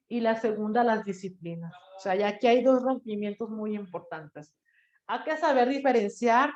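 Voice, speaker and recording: A woman teacher, giving a lively classroom lecture and listing terms with a casual "bla, bla". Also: on the high side. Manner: lively, explanatory, lists terms and trails off with "bla, bla". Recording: echoey room, dull lo-fi sound.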